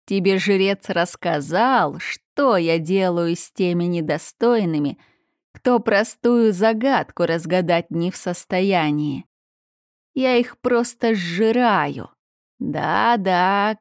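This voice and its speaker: A woman voicing a huge, menacing sphinx monster that poses riddles, in a slow, drawn-out, gloating way. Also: on the low side, no room sound, studio quality.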